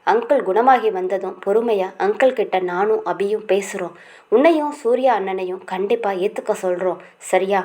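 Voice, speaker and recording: A woman's voice: medium pitch, moderate pace, mellow, close to an everyday voice. Woman voicing young woman friend, caring, soothing, reassuring, storybook.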